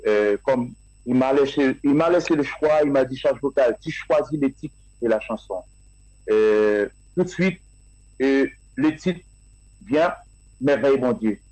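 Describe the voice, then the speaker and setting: A man being interviewed about his music, answering in a halting way with many fillers and restarts. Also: medium pitch, a little mellow, no echo, poor audio. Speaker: guest musician.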